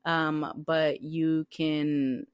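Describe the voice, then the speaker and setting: A woman's voice: low-pitched, flat delivery, very slow, smooth, dry recording, clean studio sound. A woman co-hosting a podcast, telling a jail story in a chatty way, full of fillers and acted-out quotes. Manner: chatty, lots of fillers, laughs, acts out quotes. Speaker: podcast co-host, corrections officer. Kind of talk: casual chat.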